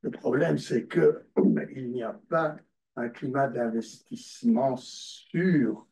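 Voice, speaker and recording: A man's voice: mid-range voice, slow pace, darkish tone. A man on a panel, making blunt, short remarks. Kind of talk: panel discussion.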